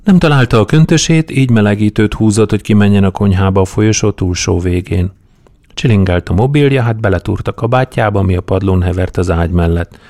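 Low-voiced male audiobook narrator. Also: warm tone, dry recording, studio quality. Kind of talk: scripted narration.

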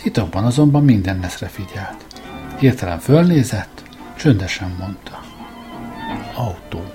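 A man giving a measured, scripted first-person narration of a story as an audiobook reader. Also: on the low side, lively intonation, over music.

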